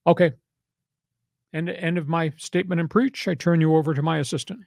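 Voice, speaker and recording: An older man hosting a sports podcast in a fairly high voice, punching his points hard and sliding into preachy rants. The sound is close and dry, with almost no room in it. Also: steady tone, a little fast, gravelly, darkish tone, dry recording. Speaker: sports talk host. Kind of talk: casual sports talk.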